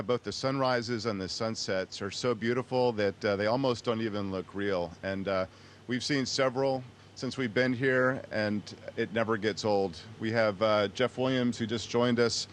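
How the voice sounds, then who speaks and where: A man giving casual interview answers as an astronaut aboard a space station. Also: lowish voice. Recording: noisy space station downlink.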